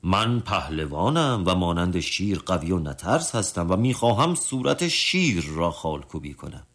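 A man voicing a boastful tough-guy customer who turns cowardly and complains about pain in high, jumping cries. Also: sing-song, a bit bright, full character voice.

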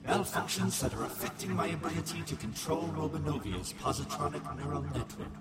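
A man playing a grave, literal ruling supercomputer with a stilted, deadpan delivery in a sci-fi radio drama. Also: a little high, fairly quick, close to an everyday voice.

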